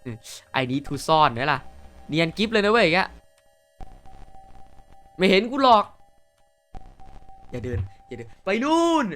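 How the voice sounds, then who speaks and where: A man giving casual, excitable commentary while streaming a game, swearing freely and talking to himself. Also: fairly high pitch, a little slow, pauses often, faint music behind.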